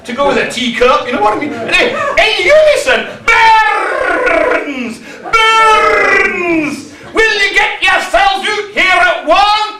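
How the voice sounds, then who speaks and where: A man's voice: very high-pitched, huge pitch swings, quick pace, hardly any pauses, a loud crowd, full character voice. A man playing a cheeky pantomime dame cook, a bossy middle-aged woman with a put-on Scottish accent, teasing the audience on stage. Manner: brash, teasing, banters with the audience. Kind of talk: amateur pantomime stage acting. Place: village hall stage with live audience. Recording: echoey hall, far mic, audience noise.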